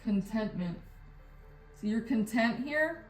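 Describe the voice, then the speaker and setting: A woman asks questions of spirits during a ghost hunt, unscripted and slow-paced. Her voice is a little high and comes from a distance in an echoing room. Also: faint music behind. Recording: echoey room, distant from the mic.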